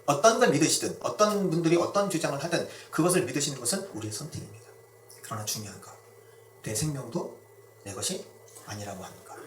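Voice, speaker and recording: A male pastor preaches in a relaxed, conversational way, telling stories and acting out the people in them. His pitch sits somewhat high and swings widely, rising and falling as he makes his points. The voice carries the echo of a church hall, picked up from a distance. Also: quick pace, a little hiss or hum. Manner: conversational storytelling preaching with acted-out quotes. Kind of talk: sermon. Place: church sanctuary.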